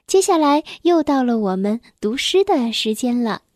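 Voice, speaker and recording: A woman reading a bedtime story for children, gentle and tender as she speaks straight to the child. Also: on the high side, sing-song, moderate pace, no echo, studio quality.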